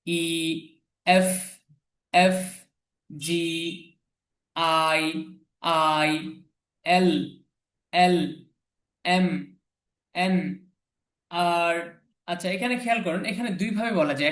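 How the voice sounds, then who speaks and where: A man's voice: high voice, fairly bright tone. Guy teaching letter sounds online, says each one over and over, roomy echo. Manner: patient, repeats each sound slowly. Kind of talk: online pronunciation lesson. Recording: echoey room.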